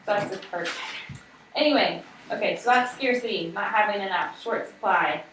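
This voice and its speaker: A woman's voice: mid-range voice, normal speed, far from the mic, music in the background. A woman teacher leading a casual vocabulary lesson with a small class, talking in a loose, chatty way full of "like". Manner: casual, chatty, uses "like" often. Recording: roomy classroom audio from afar, with background noise.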